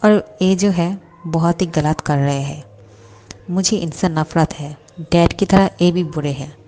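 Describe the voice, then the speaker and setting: A woman's voice: fairly low pitch, measured pace, dark tone, close to an everyday voice. A woman voicing a lovesick, hot-tempered young male boss who snaps back with indignant questions. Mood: angry.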